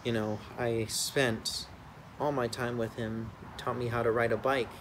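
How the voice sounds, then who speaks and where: Brief: American man, mid-pitched, rambling storyteller, recorded outside with clear traffic hum. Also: measured pace. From United States. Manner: conversational, rambling, many fillers. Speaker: son of an Army veteran. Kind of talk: personal storytelling interview. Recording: outdoor take with steady background noise.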